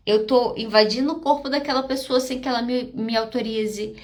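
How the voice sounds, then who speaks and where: A Brazilian woman psychologist with a Brazilian Portuguese accent, hosting a live podcast talk, direct and emphatic, driving her points home with short check-ins to listeners. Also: fairly high pitch. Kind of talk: live podcast talk answering audience questions.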